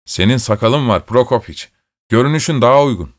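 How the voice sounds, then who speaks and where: A man's voice: mid-range voice, animated, a little fast, close to an everyday voice. A man voicing a blunt young Cossack neighbor in a storybook reading.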